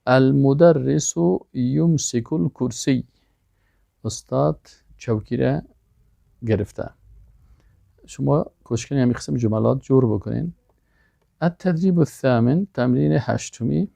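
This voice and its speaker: A man teaching a language lesson, sounding out example words slowly and deliberately. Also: mid-range voice, vocal fry, mellow, no room sound. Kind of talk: language lesson, explaining exercises.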